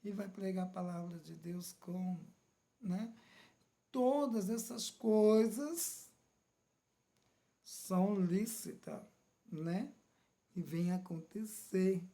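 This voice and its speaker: Preaching a sermon in a Brazilian Portuguese accent, this woman has a fairly low, mellow voice with fairly even intonation. She speaks slowly and questioningly, often checking in with listeners through "Amém?" (amen?) and "né?" (right?).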